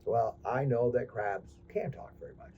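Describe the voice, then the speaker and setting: A man's voice: medium pitch, normal speed, warm tone, muffled recording, a little hiss or hum. A man telling a story to small children, talking to them directly, often stammering and repeating words. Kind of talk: animated storytelling to young children.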